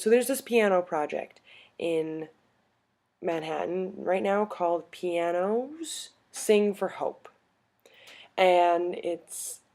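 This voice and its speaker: A woman's voice: on the low side, dark tone. A woman in her twenties from upstate New York, rambling through a casual storytelling vlog. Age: 20s. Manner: rambling, many fillers and restarts. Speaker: vlogger.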